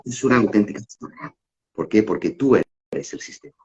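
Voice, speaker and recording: A man's voice: on the low side, animated, moderate pace, a crowd in the background. A middle-aged man giving a casual spiritual talk, rambling with fillers and restarts and frequent rhetorical questions. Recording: dull lo-fi audio.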